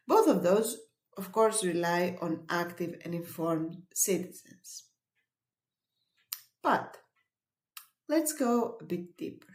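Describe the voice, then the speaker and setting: A woman whose first language is Greek presents an educational webinar, explaining things slowly in a fairly low, slightly mellow voice. She is measured and explanatory, pausing with fillers, and the room gives a noticeable echo.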